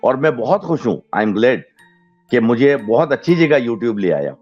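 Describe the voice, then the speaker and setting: A male podcast host in a casual chat, thanking listeners by name in a relaxed, chatty way and slipping into English thank-yous. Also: medium pitch. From Pakistan. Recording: dull lo-fi recording with faint music.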